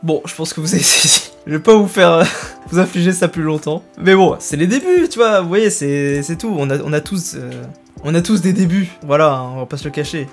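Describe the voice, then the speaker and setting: A man's voice: on the high side, expressive, brisk, soft background music. A young man chatting casually to his viewers, self-mocking and hesitant with many fillers. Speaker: youtuber. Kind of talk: casual vlog talk to viewers.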